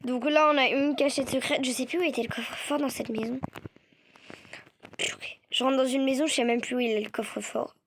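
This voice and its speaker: A woman's voice: high-pitched, fairly even intonation, fairly quick, long pauses, dry recording. A young woman giving casual gameplay commentary, stammering, apologizing and often dropping into whispers. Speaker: gaming video creator.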